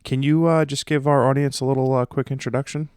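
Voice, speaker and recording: A man hosts a podcast, easing into long, loosely strung questions with plenty of uhs and likes. His voice is smooth and resonant, recorded close and dry with no room sound. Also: mid-range voice, quick pace, no room sound. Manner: relaxed, rambling questions with fillers. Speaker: podcast host. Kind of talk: casual interview chat.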